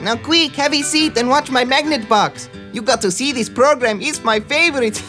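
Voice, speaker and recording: An actor voicing a giant, eager cockroach who talks quickly in a children's radio drama, with a light musical bed behind. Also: high voice, bright, forceful tone, soft background music. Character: giant friendly cockroach with a Spanish-flavoured manner.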